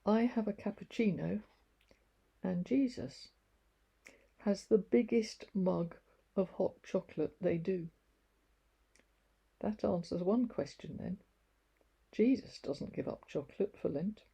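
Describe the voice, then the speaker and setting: A woman reads her own reflective book in a gentle, confiding voice with a wry touch. The delivery is slow, and her tone is dark and mellow, with a husky, gravelly grain. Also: mid-range voice. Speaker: author reading her book. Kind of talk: reflective first-person devotional reading.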